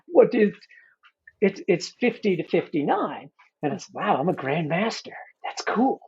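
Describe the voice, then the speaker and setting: Fifty-something guy rambling through an interview, lots of you know, kinda husky and muffled. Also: high voice, big pitch swings, a little slow, darkish tone. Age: 50s. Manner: rambling, many restarts and "you know" fillers. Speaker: guest coach. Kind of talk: casual interview talk.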